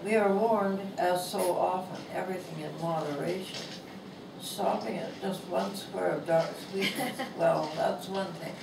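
A thin, gravelly, fairly low voice belongs to a woman in her nineties from Canada, reading her own humorous essay aloud in a bookstore. She is slow, gentle and amused, and her voice isn't strong. The lapel mic and distant filming leave echoey shop acoustics and background noise.

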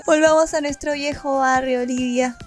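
A young woman with an Argentine Rioplatense accent, giving playful, animated gameplay commentary as a video host and jumping into silly voices. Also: high voice, moderate pace. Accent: Argentine Rioplatense Spanish. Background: game music.

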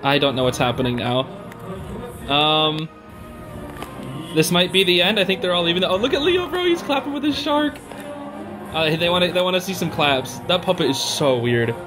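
A young man hosting a reaction video talks in a high-pitched, animated, excitable, slangy way at a moderate pace, pausing often. His casual live commentary has stage show music playing behind his voice.

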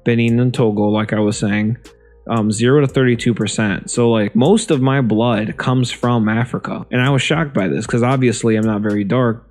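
A young man with a somewhat low voice talks casually into a close desk mic in a small room at home. He is chatty and relaxed, circling back over his words and filling pauses with um, and faint music plays behind him. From Ohio, USA. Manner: chatty, relaxed, repeats himself and says um often. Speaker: YouTube vlogger. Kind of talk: casual vlog talk. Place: small room at home in front of a green screen. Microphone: desk microphone near the face.

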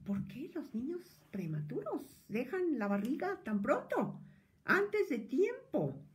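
A Mexican woman psychologist giving an explanatory talk to listeners, expressive and animated, sometimes dropping into a whisper. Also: sits high, slow pace. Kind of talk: explanatory lecture addressing listeners.

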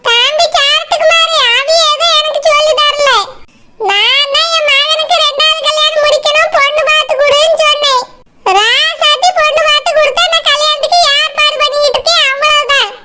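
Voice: very high voice, fairly even intonation, brisk, full character voice. A performer voicing a stubborn, scheming older village mother-in-law in a cartoon, speaking with a Tirunelveli Tamil accent in a defensive, pleading way. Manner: defensive, pleading, talks at length. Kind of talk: cartoon voice acting. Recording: loud background noise.

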